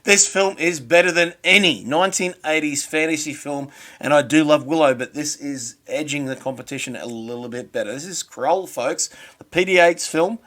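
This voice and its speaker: Bright-voiced Australian man hosting a podcast. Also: on the high side, moderate pace, few pauses. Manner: broad, playful, hams up his accent. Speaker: podcast host. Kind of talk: casual podcast chat.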